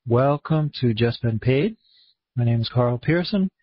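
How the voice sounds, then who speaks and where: A man with a Maine accent and a husky voice, hosting an online conference call in a casual, rambling, laid-back way. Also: mid-range voice, animated, unhurried, no echo. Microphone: online conference room call. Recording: dull, muffled lo-fi audio.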